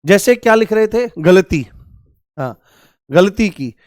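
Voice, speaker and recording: A Hindi grammar teacher with a fairly high voice leads a live online class, repeating every key word and prompting students to shout out examples. His delivery is animated, slow and slightly mellow. The audio is close and dry, without any room echo.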